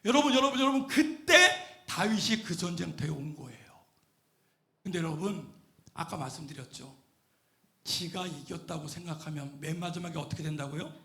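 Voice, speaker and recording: A middle-aged male pastor giving a lively sermon, questioning the congregation and shouting at the high points. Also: normal speed, roomy sound. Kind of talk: lively sermon with call-and-response. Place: church sanctuary.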